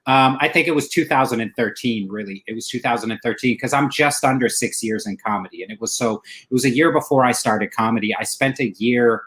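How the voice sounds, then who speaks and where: A man's voice: mid-range voice, a little fast, few pauses, a bit bright, poor audio. Middle East-born male comedian, forties, loose rambling interview talk. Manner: rambling, repeats himself, says man a lot. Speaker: comedian guest. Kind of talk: casual interview chat.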